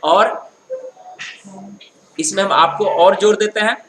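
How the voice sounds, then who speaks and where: High, bright-voiced male accounting teacher. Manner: explanatory, keeps checking understanding with tag questions; reads English definitions slowly, then explains them. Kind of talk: classroom lecture. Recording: echoey room with faint noise.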